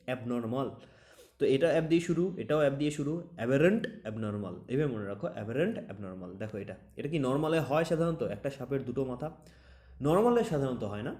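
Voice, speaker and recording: A man teaching a vocabulary lesson for exam preparation at a quick clip. His voice is mellow and dark, and he checks after each point whether his students follow. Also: mid-range voice, expressive. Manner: explains with many examples.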